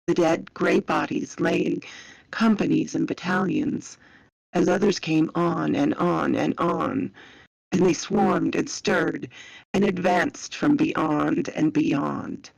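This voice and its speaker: Woman, storyteller, dramatic narration, very creaky voice, dry close sound. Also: sits low, no echo, low-quality recording. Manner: slow, measured, dramatic.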